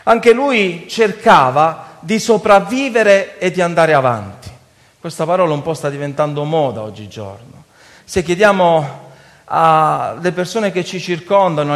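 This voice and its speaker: A man's voice: fairly high pitch, a little slow, big-room sound. A man preaching a sermon to his congregation, passionately and often calling out to the brothers. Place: church.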